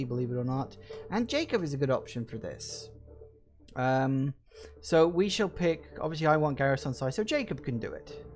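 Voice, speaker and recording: A man giving casual video game commentary in an offhand, blunt, mildly sweary way. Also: on the high side. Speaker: gameplay commentator. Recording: voice over game music.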